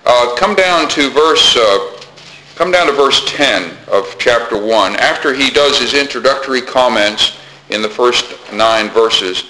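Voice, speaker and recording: A man preaching a sermon to his congregation in a measured way, often pausing with "uh" between thoughts. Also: mid-range voice, poor audio. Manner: measured, with frequent "uh" pauses; soft-spoken in prayer.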